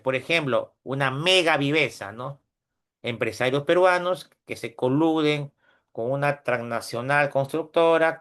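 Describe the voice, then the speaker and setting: A man's voice: mid-range voice, a bit bright. A middle-aged Peruvian man giving a conversational university lecture, often tagging his points with questions to his students. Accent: Peruvian Spanish. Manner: conversational, frequent tag questions; retells anecdotes with quoted voices. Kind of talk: classroom lecture.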